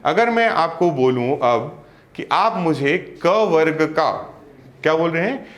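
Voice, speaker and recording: A man gives an exam-prep lesson, explaining step by step, posing questions and answering them himself, and slowly sounding out letters one at a time. His voice is a little high and animated, with a reverberant sound.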